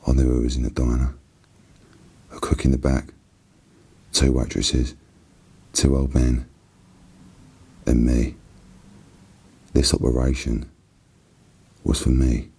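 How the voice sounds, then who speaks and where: A man with a Cockney accent reads a novel aloud in a soft, hushed ASMR style, husky and unhurried. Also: very deep voice. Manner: hushed, unhurried, even narration.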